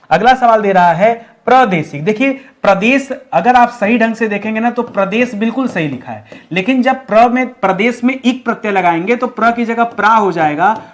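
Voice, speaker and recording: A man with a high, light voice teaches an exam-prep lesson. He explains each point step by step, keeps asking his students a question and then answering it himself, and slows right down to spell out key words. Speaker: Hindi teacher.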